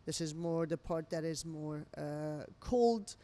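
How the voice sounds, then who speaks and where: Taking it slowly in a low-pitched voice, a middle-aged woman from Lebanon recounts stories with real expression. She is a restaurant owner interviewed over a meal, speaking imperfect English with non-native phrasing.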